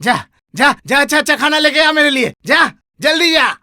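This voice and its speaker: An actor playing a mocking, bossy elder brother in a Hindi film drama. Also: male voice, high voice, lively intonation, takes it slowly, fairly bright tone, dry recording, clean studio sound, heavily acted. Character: scheming elder brother, mocking servant-loving master.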